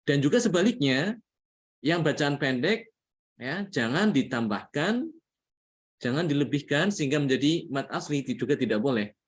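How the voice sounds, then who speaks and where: A man's voice: fairly high pitch, lively intonation, moderate pace, slightly rough. A man with an Indonesian accent teaching a Quran recitation lesson, patiently repeating each point and often adding "ya". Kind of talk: religious lesson.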